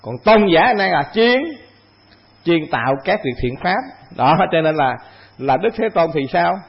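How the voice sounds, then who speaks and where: A man's voice: a little high, expressive, normal speed, creaky, slightly rough, lo-fi sound. A man, a Buddhist monk, giving a conversational dharma talk to an assembly, asking himself questions and repeating phrases.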